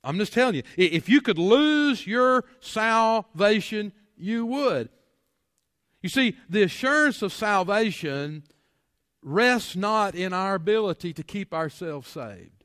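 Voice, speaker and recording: Man, preacher, high voice, folksy, rhetorical questions, long church reverb. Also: expressive, unhurried, fairly bright tone, clean tone, studio quality. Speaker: pastor. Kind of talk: sermon. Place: church sanctuary.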